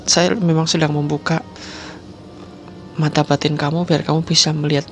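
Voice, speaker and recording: A man doing a calm, reassuring religious teacher. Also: a little high, normal speed, faint music behind, lightly acted.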